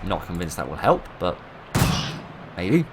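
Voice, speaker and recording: A man's voice: low-pitched, very animated, a little slow, very noisy. A man giving playful, wry commentary while playing a video game. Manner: playful, wry asides, reads game text aloud. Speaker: gaming YouTuber. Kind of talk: let's play commentary. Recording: game music playing underneath.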